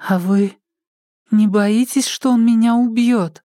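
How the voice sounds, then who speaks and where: A man's voice: extremely high pitch, fairly even intonation, takes it slowly, mellow, no room sound, clean studio sound, voice pushed up. A man voicing an anxious, impulsive young woman who keeps pleading and asking questions in an audiobook.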